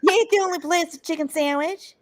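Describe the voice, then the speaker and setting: A woman in her forties co-hosting a podcast, dropping short quick interjections and giggling. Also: very high-pitched, no room sound, clean studio sound. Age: 40s. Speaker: podcast co-host. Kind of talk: casual chat.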